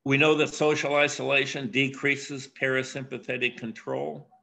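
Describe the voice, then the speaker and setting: An older man giving a keynote academic lecture, speaking in a measured way with frequent pauses and filler sounds. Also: mid-range voice, flat delivery, gravelly, sharp tone. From USA.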